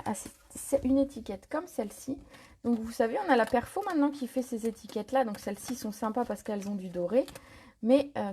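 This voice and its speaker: A woman with a fairly high, husky and mellow voice leads a live card-making tutorial. She chats loosely as she works, full of little fillers and self-corrections, sounding unscripted and at ease. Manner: chatty and relaxed, many fillers and self-corrections. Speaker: craft demonstrator hosting a live stream. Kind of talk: live paper-craft tutorial, improvised chat.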